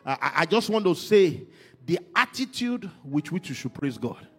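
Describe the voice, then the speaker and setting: A man preaching a sermon, moving from quiet talk to shouted, sing-song emphasis. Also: a little high, big pitch swings, moderate pace, breathy edge. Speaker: pastor.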